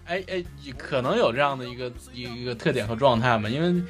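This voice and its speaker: A man with a Northeastern Chinese accent chatting casually as a podcast co-host, explaining in a halting way and often repeating his phrases. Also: medium pitch, over music.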